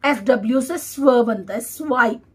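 A woman teacher, reading English words one by one for a dictation lesson and repeating each one clearly. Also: a little high. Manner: reads each word slowly and repeats it.

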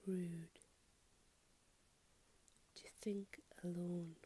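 A woman whispering softly in an ASMR style, enunciating carefully as she reads out a list. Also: fairly low pitch, flat delivery, extremely slow, slightly rough. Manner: whispered, soft-spoken, careful enunciation with repeated words. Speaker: ASMR host. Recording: hissy close recording with faint clicking.

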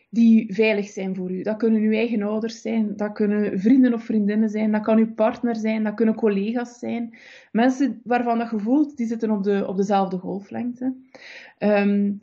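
A woman with a Flemish accent speaking as a parent and parenting coach, giving calm, reassuring advice in an interview, with many soft fillers. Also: mid-range voice, muffled recording.

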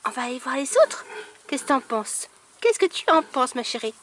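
Outdoors beside a kennel, a dog breeder chats casually to the camera in a vlog, cooing lovingly at her puppies. Her voice is high and fairly bright with wide pitch swings, her pace is normal, and there's a little background noise.

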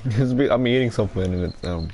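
A man's voice: on the low side, fast, very noisy. A young man hosting a casual commentary chat, joking, laughing and stammering as he talks. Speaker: commentary channel host.

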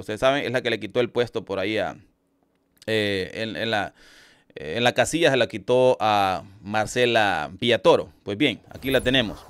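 A man hosts a news commentary show in a chatty, rhetorical manner, often turning to his viewers as friends. His voice is smooth and clear. The sound is dry and close. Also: medium pitch, dry recording. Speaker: political commentary host.

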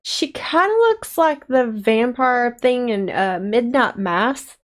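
A woman's voice: fairly high pitch, expressive, takes it slowly, slight background noise. A young adult woman giving casual, blunt and sardonic film reaction commentary as a video host. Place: small dark decorated room indoors.

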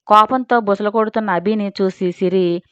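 A woman narrating an audio story in a dramatic, expressive way. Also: mid-range voice, moderate pace, smooth, no room sound. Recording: dry, slightly dull recording.

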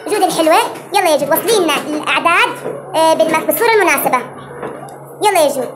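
A woman's voice: very high-pitched, lively intonation, rapid-fire, music in the background. A woman teaching kindergartners to count, coaxing them to speak up and praising each child. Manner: encouraging, repeatedly urging pupils to speak louder and praising them. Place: kindergarten classroom.

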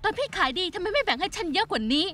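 A woman's voice: very high-pitched, big pitch swings, racing, pushed and bright, faint music behind, heavily acted. A woman dubbing a young shopkeeper who demands an explanation sarcastically, in a Thai TV drama dub. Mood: demanding.

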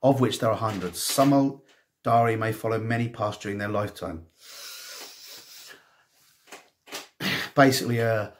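Male hobby reviewer, slightly low voice, loose rambling delivery with frequent restarts. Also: a little fast, a little hiss or hum. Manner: rambling, full of ums and restarts; reads passages aloud. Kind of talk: casual magazine review.

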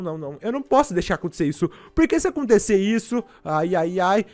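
A man with a Brazilian Portuguese accent doing playful gameplay commentary, excitable and sighing often as he talks to his viewers. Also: high voice. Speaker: gaming YouTuber.

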